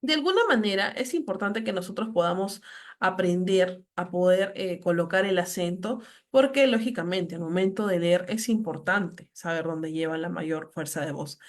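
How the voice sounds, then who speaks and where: A woman lecturer giving a grammar lesson, slowly reading out example words with heavy stress. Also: on the low side.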